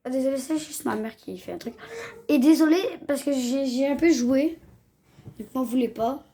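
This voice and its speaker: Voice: high voice, moderate pace, warm tone. A young gamer, chatting casually to viewers over a let's-play in slangy talk. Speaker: gaming video host. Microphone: phone.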